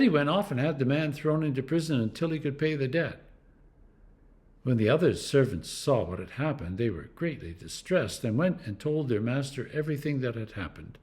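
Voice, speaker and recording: Pausing dramatically and stressing words for effect, a clergyman reads scripture in a deliberate, expressive manner. The medium-pitched reading is devotional narration.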